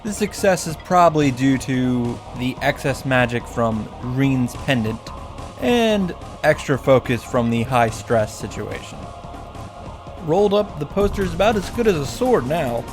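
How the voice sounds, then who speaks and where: Over music, a man with a medium-pitched, sing-song voice speaks a little slowly as he recaps a visual novel for his video. He reads lines aloud and peppers them with sarcastic, profane remarks.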